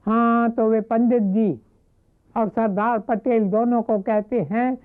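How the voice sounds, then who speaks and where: A woman giving a devotional talk, retelling a story in a measured, reverent way. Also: fairly high pitch, steady tone. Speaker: spiritual speaker. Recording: narrow phone-like lo-fi audio.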